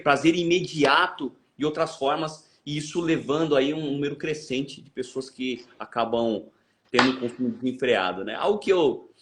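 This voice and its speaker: Slightly high and a bit bright, this man's voice carries a Brazilian Portuguese accent. Hosting a podcast, he thinks out loud in a reflective, hesitant interview style.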